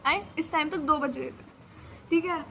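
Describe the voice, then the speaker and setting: A woman's voice: high-pitched, a little slow, bright, forceful tone, a little hiss or hum. A young woman vlogger telling a panicked personal story in casual chat, acting out her own lines dramatically. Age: young adult. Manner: dramatic, re-enacts panicked dialogue. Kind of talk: storytelling vlog.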